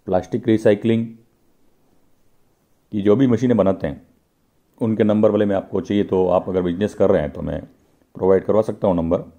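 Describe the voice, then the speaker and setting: A man's voice: on the low side, fairly even intonation, brisk, pauses often, dark tone. A man hosting his own channel, talking viewers through a pipe-making factory as he films it. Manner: explanatory, addresses viewers directly. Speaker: channel host. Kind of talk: factory walkthrough vlog. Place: indoor pipe factory workshop.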